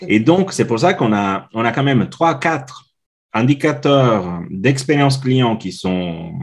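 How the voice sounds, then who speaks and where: A man's voice: mid-range voice, lively intonation, takes it slowly. A man in his forties from Italy, speaking French with an Italian accent as an interview guest, hesitant with many filler sounds and restarts. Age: 40s. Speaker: guest, customer experience consultant. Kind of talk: casual interview chat.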